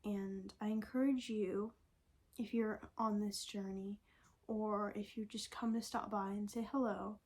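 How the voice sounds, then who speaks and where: A young woman talking in a casual, reflective vlog, soft-spoken and often slipping into a breathy half-whisper as she thinks aloud. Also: mid-range voice, steady tone, unhurried. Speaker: vlogger.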